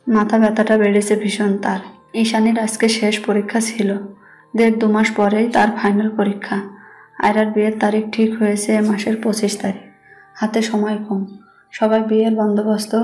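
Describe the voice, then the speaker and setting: A woman with a Bangladeshi accent tells a romantic story in a level, even tone, her pitch mid-range and barely moving. Soft music plays behind her on a low-quality recording.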